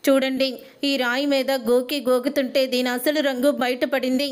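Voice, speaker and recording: A hot-tempered sister-in-law calls out and accuses in a forceful voice, as a woman narrator reads her lines. The pitch runs high. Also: flat delivery, moderate pace, clean tone, close to an everyday voice. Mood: angry.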